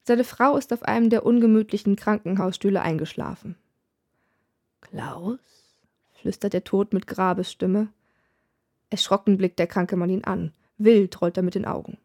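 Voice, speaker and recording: A woman's voice: mid-range voice, steady tone, normal speed, darkish tone. A woman narrating a darkly comic story, reading with a wry, dry humor. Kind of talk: storytelling reading with character voices.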